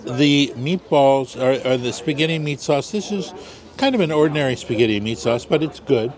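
Male food vlogger, mid-pitched voice, easygoing and explanatory, busy crowd chatter and traffic behind. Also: normal speed. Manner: easygoing, explains dishes step by step. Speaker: food vlog host. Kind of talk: casual food review commentary. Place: outdoors on a busy city street. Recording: busy crowd noise outdoors. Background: crowd chatter and passing traffic.

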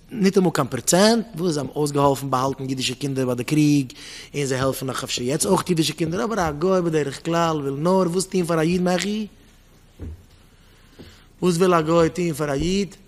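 A rabbi gives a Torah talk, preaching with pointed rhetorical questions that he keeps repeating, with English words mixed in. His voice is a little high, and there's slight background noise.

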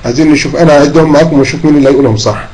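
Egyptian man teaching tajweed, mellow voice. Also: fairly high pitch, steady tone, rough recording. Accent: Egyptian Arabic. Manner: patient, drawn-out demonstration of recitation. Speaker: Quran recitation teacher. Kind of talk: online tajweed lesson.

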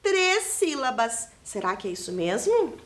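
A woman's voice: fairly high pitch, big pitch swings, a little slow. A woman with a Brazilian Portuguese accent, teaching a lesson to young children. She spells out letters and syllables and keeps asking the class questions. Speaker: primary school teacher. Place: classroom studio for televised lessons.

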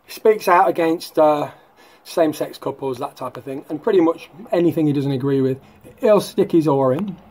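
A man's voice: fairly high pitch, moderate pace, darkish tone. A man hosting a casual vlog, talking in a mocking, sardonic way. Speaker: YouTube host.

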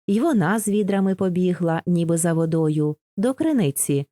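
A woman narrating a poem for an audiobook, measured and expressive. Her voice is low-pitched and mellow. The recording is close and dry, with no room sound. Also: dry recording. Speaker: audiobook reader.

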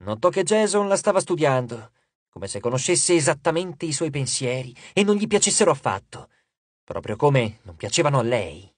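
A man's voice: on the high side, very animated, normal speed, husky, dry recording. A man narrating an audiobook, reading expressively and shifting his voice for each character.

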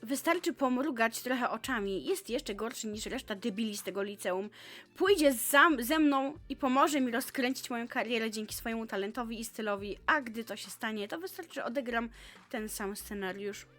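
A woman's voice: on the high side, normal speed, fairly bright tone, faint music behind, natural voice. A woman reading the lines of a vain, scheming teenage pop singer from a visual novel, in a haughty, scornful tone. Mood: cold.

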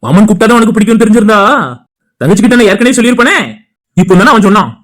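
A voice actor doing fast-talking Tirunelveli friends. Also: medium pitch, soft background music. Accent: Tirunelveli Tamil. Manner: casual, teasing banter. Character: young male friends chatting. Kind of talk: cartoon voice acting.

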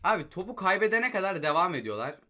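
A young man giving live commentary on his football video game, excitable and prone to frustrated outbursts, with keys clicking behind him. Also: high-pitched, fast. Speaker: gaming YouTuber.

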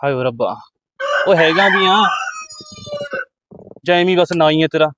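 A man's voice: a little high, animated, unhurried, fairly bright tone, slight background noise. A man from Punjab playing a poor, weary village farmhand who grumbles and complains to himself in a farmyard. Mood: grumbling.

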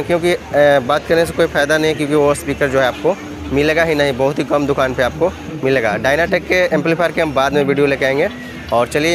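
A man vlogging through an expo hall, listing models and prices in a steady, repetitive way. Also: fairly high pitch. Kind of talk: walkthrough vlog listing prices. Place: busy indoor trade expo hall. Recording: noisy expo hall phone recording.

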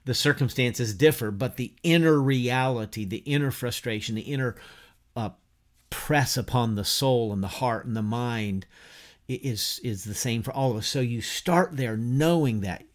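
Animated man teaching a church class. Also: medium pitch, moderate pace. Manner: animated, gestures a lot, many restarts and quoted dialogue. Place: home study with bookshelves and a whiteboard.

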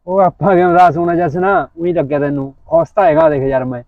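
A man's voice: a little high, fairly even intonation, fast, dry recording, natural voice. A young man plays a lovesick village lad, mournful and pleading. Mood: confiding. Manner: mournful and pleading, dropping his voice. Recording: tinny phone-like sound.

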